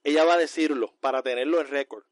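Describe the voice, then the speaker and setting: A man's voice: fairly high pitch, fast talker, dry recording, clean studio sound. A man co-hosting a casual podcast, teasing his co-host and laughing often. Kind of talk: casual joking podcast chat.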